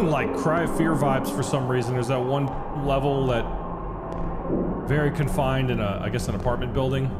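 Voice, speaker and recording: A man's voice: mid-range voice, noisy background. A man giving casual, sweary horror game commentary as a scared streamer, mixing jumpy reactions with wry jokes. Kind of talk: casual let's-play commentary. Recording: loud game music and sound effects behind. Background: horror game soundtrack.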